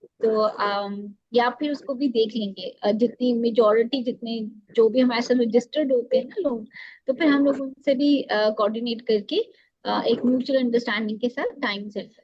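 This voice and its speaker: A woman organizing a live online class, speaking haltingly with many fillers and mixing English and Urdu. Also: fairly high pitch, fairly even intonation, dry recording. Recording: dull, dry lo-fi sound.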